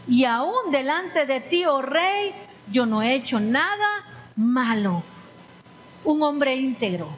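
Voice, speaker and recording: A woman preaching a sermon, deliberate and emphatic, repeating exhortations. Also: sits high, lo-fi sound, a little hiss or hum. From El Salvador.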